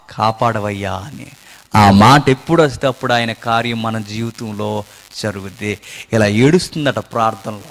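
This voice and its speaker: Dramatic man preaching a sermon. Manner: dramatic, swinging from loud exclamations to low murmurs; earnest, urging listeners to listen closely.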